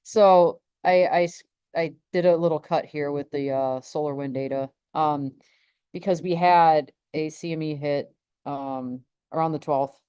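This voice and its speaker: Woman, low voice, dry sound, rambling casual stream host. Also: fairly even intonation, measured pace, dark tone, smooth, dry recording. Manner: rambling, many restarts and laughs. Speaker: space weather stream host. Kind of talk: casual live stream chat.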